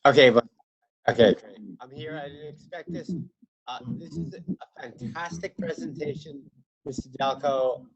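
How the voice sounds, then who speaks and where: A man speaking as a guest on a group video call, talking haltingly with many pauses while his glitchy internet audio breaks up, drops out and jumps in volume. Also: medium pitch, gravelly, dull audio. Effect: glitchy call audio breaking up and dropping in and out. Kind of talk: impromptu testimonial on a conference call. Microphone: computer mic on a video call.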